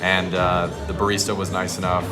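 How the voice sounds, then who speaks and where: A man talking casually as a travel vlogger, relaxed and chatty, filling gaps with "you know" and "like.". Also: deep voice, brisk, music in the background. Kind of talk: casual travel vlog narration. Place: outdoors on a hilltop city viewpoint.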